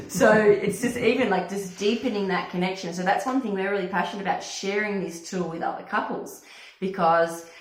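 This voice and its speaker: A woman's voice: medium pitch, moderate pace. A woman talking casually and effusively as a wellness coach, giving an informal personal testimonial. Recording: echoey room.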